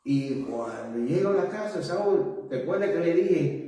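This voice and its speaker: A man giving his testimony as an evangelist in an interview. He talks in a halting, earnest way and keeps checking in with tag questions. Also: fairly high pitch, animated. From Puerto Rico. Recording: very echoey room, distant mic, soft music.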